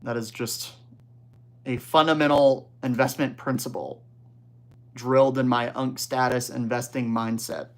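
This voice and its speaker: A man's voice: medium pitch, steady tone, unhurried. A young man talks loosely into a desk microphone from his home streaming setup, hosting a livestream. He reads viewer messages aloud and answers them in easygoing, slangy banter, with the odd laugh. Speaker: livestream host. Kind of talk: casual livestream chat.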